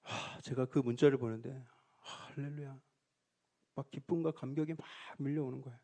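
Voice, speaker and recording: A middle-aged male pastor preaching a sermon, telling a story with lively acted-out prayers and cries. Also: mid-range voice, moderate pace. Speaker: senior pastor.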